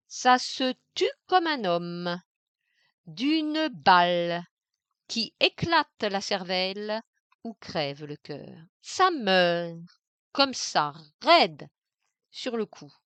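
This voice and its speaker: A woman reading the lines of a deceitful gentleman lover, playing up his melodrama in a dry recording. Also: big pitch swings, extremely slow, pauses often, no echo, heavily acted. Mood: melodramatic. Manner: low and hushed, then melodramatic.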